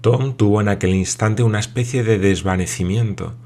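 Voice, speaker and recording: Low-voiced man narrating an adventure novel. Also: normal speed, darkish tone. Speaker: audiobook narrator. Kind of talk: scripted narration.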